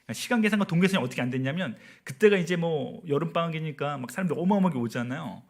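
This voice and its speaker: A man's voice: a little high, animated, rapid-fire, creaky. A man in his forties, a missionary telling a personal story in a sermon and often asking the audience questions. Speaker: missionary preacher. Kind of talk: sermon at a prayer meeting.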